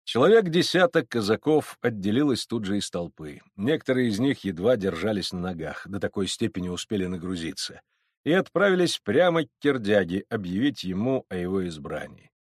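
A male audiobook narrator reads a classic tale expressively, with a lively rise and fall in his voice. His pitch sits in a middle register. The recording is dry and close. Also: a little fast, slightly rough, dry recording. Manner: expressive reading. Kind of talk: scripted narration.

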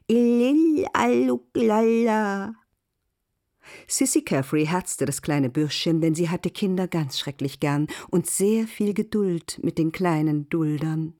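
A narrator giving a measured, softly expressive literary radio reading. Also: medium pitch.

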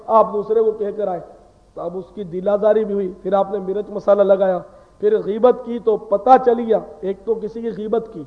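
A man giving a sermon, talking in an earnest, conversational way that lectures and asks rhetorical questions. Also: high-pitched. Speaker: preacher. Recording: tinny phone-like sound with long hall reverb.

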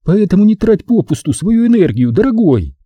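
A man's voice: high voice, big pitch swings, normal speed, dark tone, breathy edge, no room sound, dull audio, pitched above the performer's own voice, full character voice. A man voicing a cooing, imperious film starlet. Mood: coaxing sweet. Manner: sweetly cooing, commanding. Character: glamorous female film star, coy and imperious.

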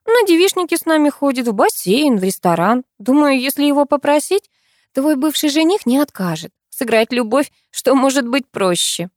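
Female narrator as a persuasive schemer, brisk and animated, dry close read. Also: high-pitched, no room sound, voice pushed up. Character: scheming, practical young woman colleague.

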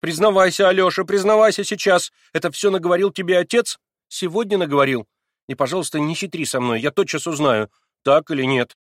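A man reading a novel aloud and voicing a fiery young woman who scolds in sharp, indignant exclamations. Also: a little high, a little fast, dry recording, studio quality, voice pushed up, close to an everyday voice. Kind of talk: audiobook character reading.

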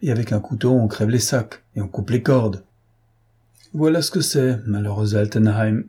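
A man voicing a sly, cocky gentleman thief who teases his captors in an ironic, lively tone, in a read-aloud novel. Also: fairly low pitch, moderate pace, breathy edge. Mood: mocking.

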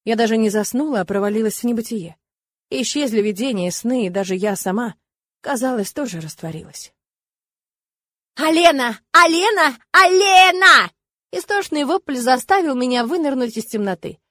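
A young woman tells a first-person fantasy tale in a lively, wry voice. Her voice is on the high side and sounds dry and close, with no room around it. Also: a little fast, no echo. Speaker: audiobook narrator.

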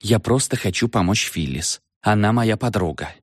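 A man reading as an impatient young woman, brisk and insistent, in an audiobook, with a low voice that swings widely in pitch. She presses her point firmly and keeps pushing it. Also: lively intonation, breathy edge, no room sound, clean studio sound.

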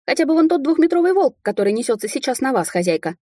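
A woman's voice: medium pitch, expressive, dark tone, slightly rough, no room sound, clean studio sound. A woman voicing a fussy, anxious male raccoon familiar who nags and pleads in a rush. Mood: shrill urgent. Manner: urgent, pleading, fast-talking.

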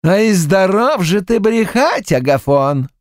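Man playing a sly ribbing villager, high lively tone. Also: measured pace, no echo, clean studio sound. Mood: amused. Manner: amused, ribbing.

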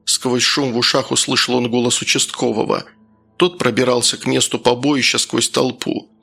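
A man's voice: medium pitch, level tone, moderate pace, creaky, pushed and bright. A man narrating a tense thriller audiobook. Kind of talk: scripted narration. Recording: audiobook with faint music.

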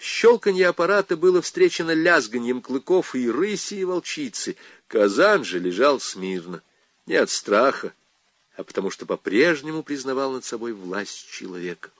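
Male audiobook narrator, expressive and dramatic, dry close recording. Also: mid-range voice, normal speed, no echo.

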